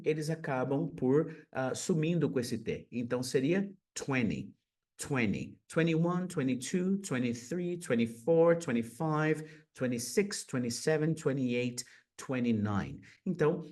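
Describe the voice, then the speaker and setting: Lively Brazilian man teaching English numbers. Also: on the high side. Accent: Brazilian Portuguese. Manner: explains slowly, drills numbers in English. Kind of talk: online lesson.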